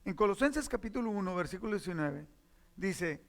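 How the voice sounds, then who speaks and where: Male pastor, high voice, teaching sermon with repeated phrases, long hall reverb. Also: animated, a little fast, gravelly. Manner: teaching, explains verses and repeats key phrases.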